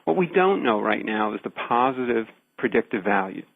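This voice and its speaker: A man gives careful, emphatic explanations as a radio interview guest. His mid-pitched voice is gravelly and husky, and it comes through a narrow, phone-like line. He stacks short phrases to drive each point home. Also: very animated, no echo. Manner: deliberate, emphatic, builds points in repeated phrases. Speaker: research scientist, interview guest.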